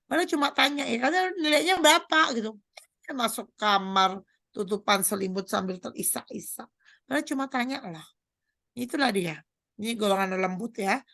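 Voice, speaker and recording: A woman doctor giving a chatty parenting seminar, lively and acting out quoted voices as she explains. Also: medium pitch, normal speed.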